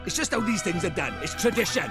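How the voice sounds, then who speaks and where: A man with a Welsh accent voicing a brash, chatty, self-important little fairy lord in an animated fantasy game. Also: sits high, quick pace, over music. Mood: exasperated. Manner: blustering, cheeky, theatrical.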